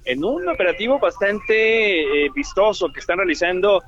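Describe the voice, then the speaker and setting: A man's voice: high voice, animated, normal speed, fairly bright tone. A man with a Mexican accent giving a live radio news report from the field over a remote link. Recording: dull lo-fi remote link, clear noise.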